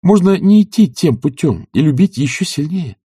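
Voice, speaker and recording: A proud young noblewoman speaks with firm, unhurried self-assurance, as a male reader lifts his voice for her. The tone stays husky and dark underneath. The recording is close and dry. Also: on the high side, sing-song, no echo, voice pushed up, full character voice. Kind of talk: audiobook character reading.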